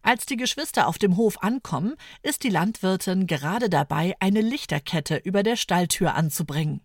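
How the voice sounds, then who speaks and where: A woman narrating a children's story in a clear, storytelling manner. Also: medium pitch, animated, moderate pace, a little mellow, no echo, clean studio sound.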